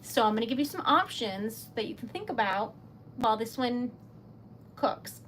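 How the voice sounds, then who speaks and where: Animated and a bit bright, a woman with a voice on the high side speaks at normal speed over a little hiss or hum. She's a Rhode Island-accented New Englander hosting a casual craft stream, rambling, laughing often and talking to her viewers.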